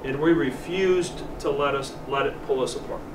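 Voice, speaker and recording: An American man, a college team coach, giving an earnest, deliberate pep speech to his players in the locker room, pausing for emphasis. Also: medium pitch. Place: locker room, heard from a distance. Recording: echoey distant room recording with loud noise.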